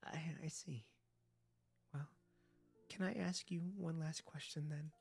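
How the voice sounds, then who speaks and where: An actress playing a fragile, gentle, dying female sea creature in a video game, with a breathy, wavering voice. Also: low voice, fairly even intonation, measured pace, faint music behind, full character voice. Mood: fragile, resigned.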